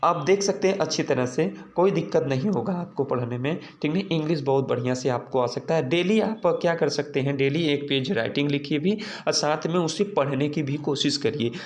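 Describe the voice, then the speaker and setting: In a roomy, echoey space, a teacher gives a casual spoken lesson on silent letters in English spelling, speaking fairly quickly at a medium pitch with hardly any pauses. The teacher keeps posing rhetorical questions, answers them, and checks in with viewers as if they were friends.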